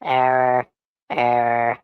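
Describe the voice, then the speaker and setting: A man speaking through a flat text-to-speech voice, playing a glitching robot whose battery is running out and who is shutting down. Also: medium pitch, slow pace, narrow, tinny audio. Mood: malfunctioning. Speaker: stream guest.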